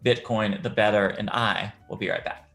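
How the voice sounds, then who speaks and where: A man's voice: fairly low pitch, fairly even intonation, moderate pace, vocal fry, fairly bright tone, soft background music. Upbeat American man hosting poker stream. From United States. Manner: upbeat, joking, reads chat aloud. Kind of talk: casual host banter.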